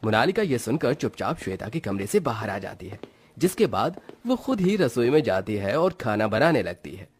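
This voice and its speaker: A man narrating a cartoon story as a lively storyteller. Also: mid-range voice, moderate pace, husky.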